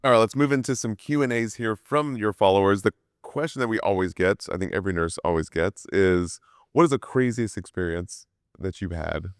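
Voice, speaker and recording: A man's voice: fairly low pitch, brisk, clean tone, no echo, clean studio sound. A man interviewing a guest in a casual, conversational way as the host. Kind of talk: casual interview chat with short reactions.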